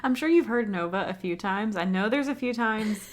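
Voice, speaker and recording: A woman co-hosts a laid-back podcast recorded on a home setup, chatting in a giggly, blunt way with plenty of filler words. Her mid-range voice is expressive and runs a little fast.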